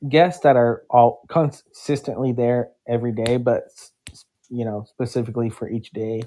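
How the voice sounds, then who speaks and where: A man's voice: medium pitch, fairly even intonation, normal speed, mellow, poor audio. A man chatting casually with a stranger, rambling and filling his talk with "like" and restarts. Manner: rambling, filler-heavy, uses "like" a lot. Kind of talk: casual chat.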